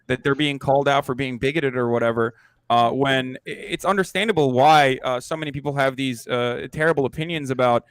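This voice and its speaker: A man's voice: medium pitch, brisk, smooth, no room sound. A man explaining his view earnestly in a podcast panel debate, with many fillers. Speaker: podcast guest. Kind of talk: heated panel argument.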